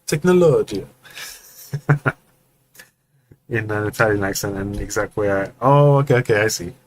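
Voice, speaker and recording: Speaking quickly in a voice on the low side, a live-stream host critiques animation in a casual, friendly way. He acts out the motions as he explains and cracks jokes at chat, though the audio is poor.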